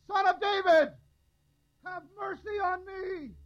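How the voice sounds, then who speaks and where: A man voicing a blind male beggar who cries out loudly and pleadingly for mercy. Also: extremely high pitch, fairly even intonation, slow, highs cut off, pitched above the performer's own voice.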